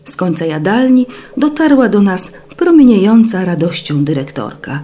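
A woman reading a first-person story aloud in a dramatic, expressive way. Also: mid-range voice, normal speed. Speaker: audiobook narrator. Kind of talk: first-person scripted narration.

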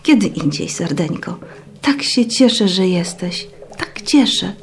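A woman's voice: medium pitch, animated, a little slow, very noisy. A woman voicing a fussy, doting older headmistress in an audiobook, who gushes and frets in a motherly way. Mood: soothing.

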